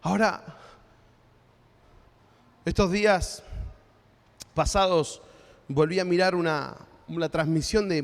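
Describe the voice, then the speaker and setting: A male pastor with an Argentine accent preaches in an easy, conversational way and keeps checking in with his listeners. His voice sits high for a man. The sound carries a long reverb from a church hall. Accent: Argentine Spanish. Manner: conversational preaching with frequent tag questions. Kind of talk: sermon.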